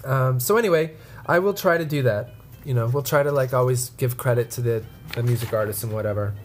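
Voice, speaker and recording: A woman's voice: very deep voice, fairly quick. A woman co-hosting a casual podcast, talking in a rambling way full of fillers and restarts, and sounding stuffed up. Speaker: podcast co-host.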